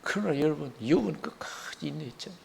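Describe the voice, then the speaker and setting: A man preaching a sermon as pastor, emphatic, swinging between loud outbursts and hushed asides. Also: fairly high pitch, sing-song, fast, vocal fry. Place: church sanctuary. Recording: long reverb of a church hall.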